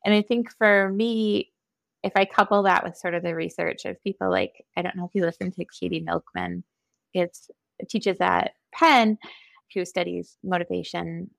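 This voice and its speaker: A woman's voice: lowish voice, lively intonation, normal speed, creaky, dry recording. A woman with a Minnesotan accent, a podcast guest talking in a reflective, hesitant, self-deprecating way. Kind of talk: candid conversational interview.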